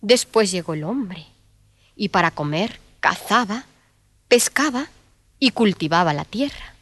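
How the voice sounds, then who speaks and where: A woman's voice: mid-range voice, lively intonation, unhurried, fairly bright tone. A woman narrating a scripted children's introduction, speaking friendly and directly to the child. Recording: clear music underneath.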